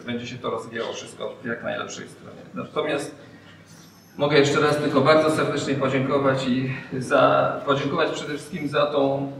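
Speaking through a surgical mask, a middle-aged man representing a hospital addresses a press event, hesitating often and filling pauses with sounds like "um." His medium-pitched voice carries vocal fry and seems distant from the microphone in a very echoey room, with a steady background noise underneath.

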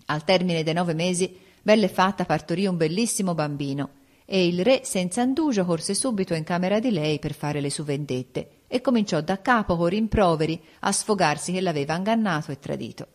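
Woman narrator, slightly low voice, folk tale audiobook. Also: animated, fairly quick. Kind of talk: reading a folk tale aloud.

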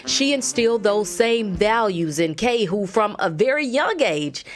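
A woman reporter giving a measured, scripted news narration. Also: medium pitch, animated. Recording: voice-over with music bed.

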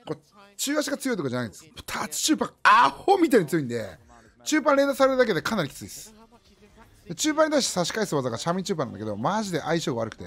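A man in his thirties with a fairly high, lively voice gives casual esports commentary. His remarks come short and often repeated, with plenty of movement in pitch. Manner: clipped, repetitive short remarks. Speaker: livestream commentator. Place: indoor room, streamer's desk.

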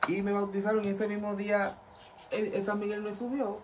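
Against background noise, an interview guest with a Dominican accent, once a pastor and now a vodou priest, recounts his life in a relaxed storytelling chat. He speaks briskly in a high-sitting male voice, lively and imitating the voices of others.

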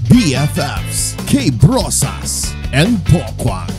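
A woman announcing a scripted radio show promo in a slow, dramatic way. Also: low voice, huge pitch swings, music in the background.

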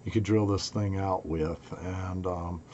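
A middle-aged man, hoarse and raspy with a cold, giving a casual, folksy instructional talk to camera from a home basement workshop. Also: sits low, fairly even intonation, measured pace, warm tone, muffled recording. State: congested and hoarse from a two-week cold and sore throat. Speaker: host of an electronics build tutorial. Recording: clearly noisy home workshop recording.

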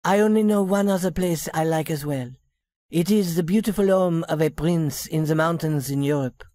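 A woman voicing a young working woman who poses as a rich lady in a storybook reading, speaking softly and politely. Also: low-pitched, moderate pace, no echo, studio quality, close to an everyday voice. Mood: refined. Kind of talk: storybook reading for English learners.

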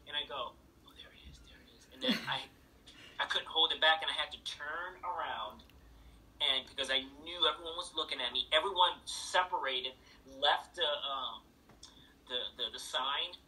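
A middle-aged author and thru-hiker talks in an interview over a video call heard through a laptop speaker, his manner casual and emphatic with phrases repeated for effect. His voice is a little high and pushed bright, at a normal pace, and the audio is poor.

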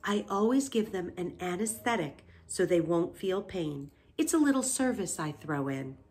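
Woman voicing a calm, sensible female spider. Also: lowish voice, close to an everyday voice. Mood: genteel. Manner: measured, brisk, gently firm. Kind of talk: children's storybook character voice.

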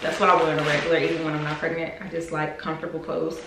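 Speaking rapid-fire in a deep, monotone voice, a young vlogger shows off a clothing haul in casual, chatty talk, addressing viewers as y'all. The camera sits on a desk before her in a house room under renovation, and the recording carries roomy echo and clear background noise.

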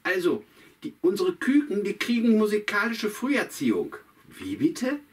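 A man voicing Hannes, an eager, excitable young farm-boy puppet with a high, fussy voice in a puppet show. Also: normal speed. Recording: distant mic, faint guitar music.

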